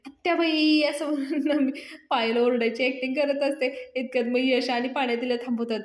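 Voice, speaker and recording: A woman hosting a serial recap, retelling an episode in a lively way and acting out the characters. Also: high voice, fairly quick. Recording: roomy echo.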